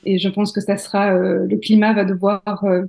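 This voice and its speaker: A woman, a panel guest, builds her argument slowly with frequent fillers. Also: medium pitch, level tone, creaky, darkish tone. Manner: measured, hesitant argument with many fillers. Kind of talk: panel discussion.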